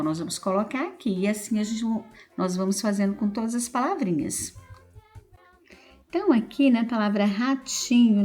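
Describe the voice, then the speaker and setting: A woman teacher with a Brazilian Portuguese accent, going through school exercises aloud in a slow, patient way and stretching out key words. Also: mid-range voice, darkish tone.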